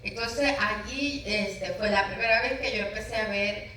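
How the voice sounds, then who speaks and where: Bright-voiced woman pastor in echoey room. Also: mid-range voice, unhurried, far from the mic, slight background noise. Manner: emotional, storytelling with dramatic retold dialogue. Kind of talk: personal testimony in an interview.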